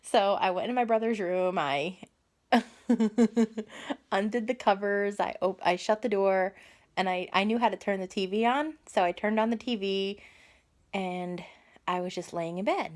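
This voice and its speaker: A woman's voice: medium pitch, unhurried. A woman telling a casual storytime vlog into a phone camera, rambling and correcting herself as she goes. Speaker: vlogger.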